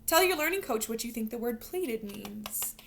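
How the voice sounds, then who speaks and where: Here the same kind of bright, high-voiced teacher reads a picture book aloud to little ones at a moderate pace, with some vocal fry and a faint hiss or hum in the recording. She tells the story expressively, teaching as she goes and asking the children questions.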